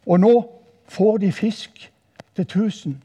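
Eldre sørlandsk mann som preker livlig. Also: male voice, high-pitched, breathy edge. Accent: southern Norwegian. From southern Norway. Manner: lively storytelling, voice rising for quoted exclamations. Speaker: preacher. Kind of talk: sermon. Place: mission hall.

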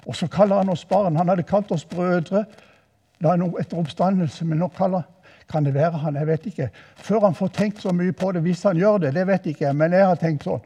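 Eldre sørlandsk mann som preker livlig. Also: male voice, high voice, husky. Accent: southern Norwegian. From southern Norway. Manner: lively storytelling, voice rising for quoted exclamations. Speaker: preacher. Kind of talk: sermon. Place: mission hall.

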